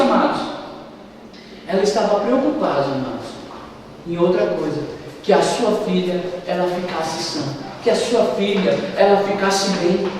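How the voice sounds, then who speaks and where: A man preaching a sermon in an animated, conversational way, often addressing listeners as beloved. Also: very high-pitched. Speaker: pastor. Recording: echoey hall from far off with faint noise.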